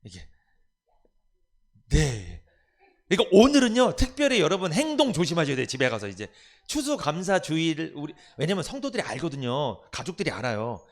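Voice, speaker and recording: 활기찬 남자 목사의 설교. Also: male voice, on the high side, fairly quick. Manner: animated, acts out family members' voices, rhetorical questions to the congregation. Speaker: pastor. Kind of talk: sermon. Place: church sanctuary.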